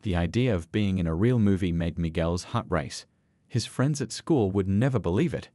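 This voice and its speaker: Male narrator for a scripted story; low, lively delivery, dry close mic. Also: moderate pace, dry recording.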